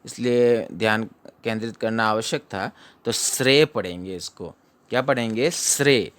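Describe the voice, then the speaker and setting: A man teaching how to pronounce a recited verse, breaking words into syllables, repeating them slowly and asking and answering his own questions. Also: fairly low pitch, smooth, dry recording. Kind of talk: slow syllable-by-syllable pronunciation lesson.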